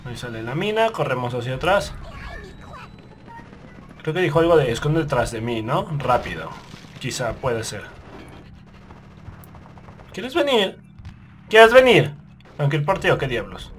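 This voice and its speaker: A man commentating on his own game run, swearing, yelling when startled, and muttering to himself. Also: medium pitch, animated, normal speed, pauses often, a little hiss or hum. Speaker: gaming video host. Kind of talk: let's play commentary.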